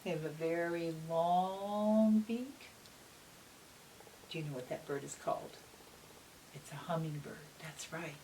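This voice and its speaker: Low-pitched and gentle, a woman shares a picture book with young children, breaking off often to quiz them as a teacher might. The recording is distant and carries a faint hiss.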